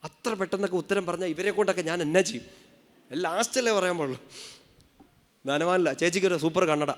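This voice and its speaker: A man's voice: high voice, fast talker. A male priest preaching a rousing sermon at a convention, calling the crowd to respond and quizzing them playfully. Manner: rousing, calls the crowd to say hallelujah. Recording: hall reverb.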